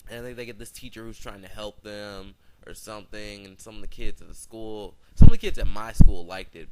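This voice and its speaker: A man's voice: on the low side, a bit bright, slight background noise, low-quality recording. A teenage boy talking through a casual video review, rambling and hesitant, full of fillers and restarts. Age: teens.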